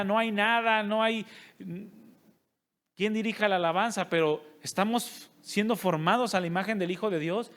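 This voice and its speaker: A man's voice: high voice, fairly bright tone. A male pastor, preaching a sermon and putting rhetorical questions to his congregation. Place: church service.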